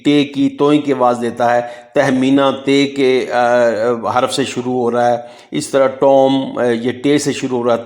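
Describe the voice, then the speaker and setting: Man teaching phonics. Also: mid-range voice. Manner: slow, spells words out letter by letter. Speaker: English teacher. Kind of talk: phonics lesson.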